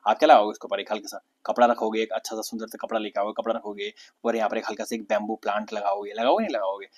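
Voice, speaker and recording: A man's voice: lowish voice, fairly even intonation, rapid-fire. A man, teaching an exam-prep vocabulary lesson in Hindi mixed with terms, asking questions and answering them himself while repeating key words.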